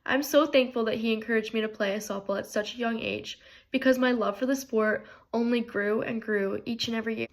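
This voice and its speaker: A bubbly, energetic woman of twenty-one introducing herself for a job, her voice a little stuffy from a cold. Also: on the high side, brisk. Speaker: job applicant. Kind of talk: upbeat self-introduction video.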